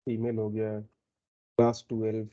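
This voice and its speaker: A man teaching a programming lesson, explaining step by step and often checking in with a quick "okay". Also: fairly low pitch, completely flat delivery, dull audio. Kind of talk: screen-recorded coding lesson.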